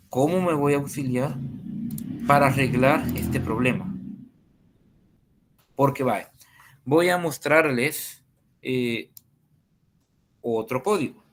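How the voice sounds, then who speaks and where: A man tutoring a coding class over a screen share, talking slowly with many pauses and fillers. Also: mid-range voice. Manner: slow and hesitant, many fillers.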